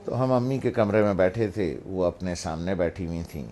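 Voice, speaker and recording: Low-voiced man telling a story. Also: faint music behind. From Pakistan. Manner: relaxed storytelling, pointing out gestures as he speaks. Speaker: speaker giving a moral talk. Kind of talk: personal anecdote in a talk.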